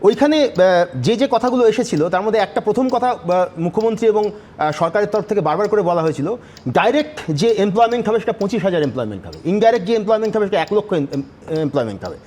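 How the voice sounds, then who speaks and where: Rapid high-voiced male debate guest. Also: expressive, a little mellow. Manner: insistent, talks over interruptions. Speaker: panel guest. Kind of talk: studio debate argument.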